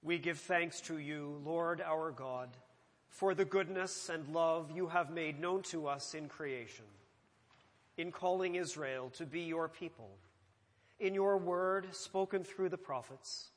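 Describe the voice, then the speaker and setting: A man presiding at a church liturgy, reciting prayers in a slow, measured way, with a long cathedral echo around his voice. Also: on the high side. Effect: cathedral echo, long church reverb. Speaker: presiding minister. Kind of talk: leading a eucharistic liturgy. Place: large church sanctuary. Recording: long reverb of a large church.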